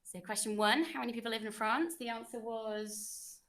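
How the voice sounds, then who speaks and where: A woman's voice: fairly high pitch, steady tone, normal speed, fairly bright tone. A young woman, a French teacher, running a classroom quiz with pupils in an encouraging, chatty way.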